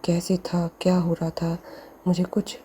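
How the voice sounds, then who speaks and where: A middle-aged woman sharing a devotional testimony in a soft, halting way, often addressing her listeners respectfully. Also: lowish voice, monotone, a little hiss or hum.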